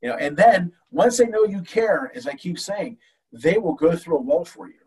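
An older man, a baseball coach, telling an emotional story in an animated way with many restarts. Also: fairly high pitch, normal speed, slightly rough, distant mic, low-quality recording. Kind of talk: storytelling in a talk show.

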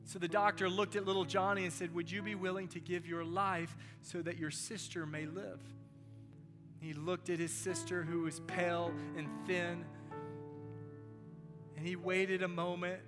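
A man preaching a sermon as pastor, speaking with passion and building to emphatic declarations. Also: high voice. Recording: long hall reverb with faint music.

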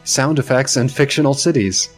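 A man's voice: medium pitch, moderate pace, soft background music. A man casually improvising as a player in a tabletop role-playing game, playful and given to swearing.

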